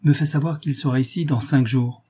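A man reading the lines of a composed, commanding noblewoman and mother in a calm, firm voice. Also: medium pitch, a little fast, husky, lightly acted.

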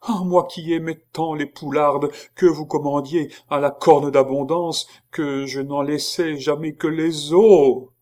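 Un homme qui fait la voix d'un gros moine terrifié, qui supplie en gémissant d'une voix haute et traînante. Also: male voice, fairly even intonation. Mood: wailing. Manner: high wailing pleas, slowed and drawn out. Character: fat terrified male monk, pleading and whining.

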